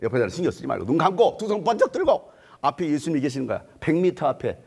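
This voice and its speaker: At a university chapel, a male pastor preaches a revival sermon, animated and playful with the crowd and often bursting into shouts. His voice is fairly high, gravelly and breathy at the edges, and he speaks at a quick pace.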